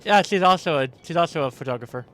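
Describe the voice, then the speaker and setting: Bright, animated man playing a game. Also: a little high, fast, soft background music. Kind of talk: casual let's-play chat.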